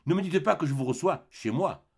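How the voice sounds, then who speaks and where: A man reading the part of a gentle, kindly old bishop in an audiobook, speaking softly and consolingly. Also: a little high, expressive, brisk, breathy edge, pitched above the performer's own voice. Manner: soft, warm, consoling.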